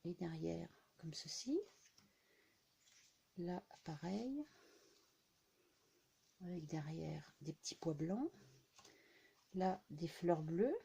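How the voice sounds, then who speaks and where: A woman's voice: lowish voice, lively intonation, drawn-out words, creaky, long pauses, dark tone, slight background noise. A woman casually showing off her craft purchases to her viewers, talking in a chatty way with frequent filler words. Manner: chatty, many fillers and "hein" tags. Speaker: scrapbooking vlogger. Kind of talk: casual haul show-and-tell.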